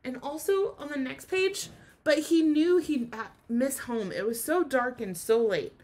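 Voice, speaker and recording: In a high voice, a woman teacher reads aloud expressively to children, stopping now and then to ask questions and explain things.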